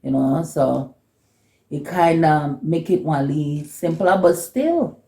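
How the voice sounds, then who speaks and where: A woman in her forties speaks with a Belizean Kriol accent in a relaxed, creaky voice. She chats casually and haltingly, repeating phrases as she goes. The room around her is echoey. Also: deep voice. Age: 40s. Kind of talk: casual sisterly chat.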